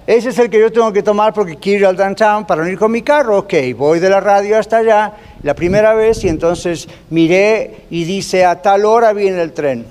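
Middle-aged male pastor, high voice, storytelling sermon, some english phrases thrown in. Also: fairly even intonation, moderate pace, few pauses, darkish tone, smooth. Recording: long reverb from a hall.

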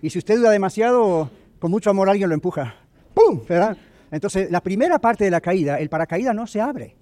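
Brief: middle-aged man, pastor, quick lively sermon delivery, tenor-ish voice, slips in English phrases. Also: high-pitched.

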